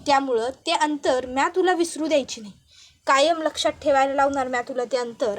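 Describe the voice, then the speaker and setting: A stern older village matriarch, as a woman puts her on, scornful and cold toward her daughter-in-law. She speaks in in a high voice, full of threat. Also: slight background noise, close to an everyday voice.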